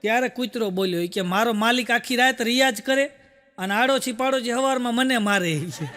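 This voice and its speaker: A man's voice: very high voice, a little fast, background noise. A man telling folksy jokes on stage as a stand-up comedian, stringing his stories together with "I said" and "he said". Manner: folksy storytelling, full of "I said" and "he said". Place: stage show with a live audience. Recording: long hall reverb.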